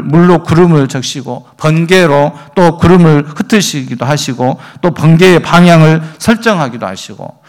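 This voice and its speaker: A man preaching a sermon as pastor, reading scripture aloud and building emphasis. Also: on the high side.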